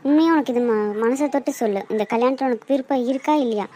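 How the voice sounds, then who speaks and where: Actress plays a firm, demanding old grandmother, high and bright, for a home-made drama. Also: fast talker, slight background noise, natural voice. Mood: stern. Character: stern elderly grandmother on the phone. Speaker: grandmother of the groom.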